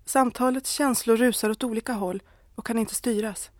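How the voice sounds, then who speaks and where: A woman narrating an audiobook in a measured, quiet manner. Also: a little high, fairly even intonation, dry recording, clean studio sound.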